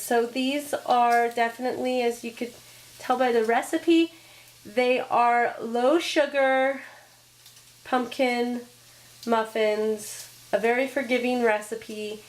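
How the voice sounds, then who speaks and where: Hoarse woman chatting through home baking. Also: a little high, low-quality recording. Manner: chatty, homey step-by-step explaining. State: hoarse, froggy voice. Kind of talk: casual cooking demonstration. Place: home kitchen. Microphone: handheld camera, set down at times.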